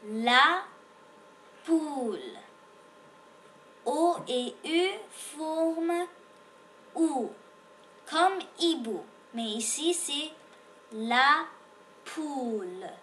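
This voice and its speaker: A woman's voice: high voice, lively intonation, extremely slow, pauses often, bright, forceful tone, slight background noise. A woman teaching beginners to read, sounding out letters and repeating each word patiently. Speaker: French reading teacher. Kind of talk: slow beginner reading lesson.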